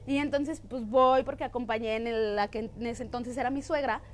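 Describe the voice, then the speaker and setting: High-voiced Mexican woman telling stories. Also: fairly quick, slight background noise. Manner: animated storyteller who acts out quoted voices. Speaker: co-host of a live online talk show. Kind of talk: casual chat, ghost stories.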